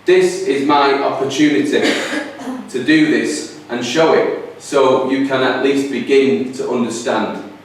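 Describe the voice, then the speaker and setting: A man's voice: mid-range voice, steady tone, unhurried. Serious guy doing a heartfelt stage speech, big echoey room, mic far away. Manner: earnest, insistent. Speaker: stage performer. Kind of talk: theatrical monologue. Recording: echoey live stage from a distance.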